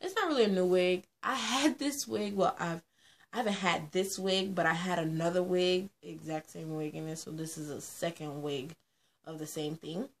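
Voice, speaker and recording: A woman's voice: on the low side, steady tone, normal speed, a little hiss or hum. Sassy, playful young woman vlogger. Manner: sassy, playful, laughs often, talks straight to viewers. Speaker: beauty vlogger. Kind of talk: casual chatty vlog.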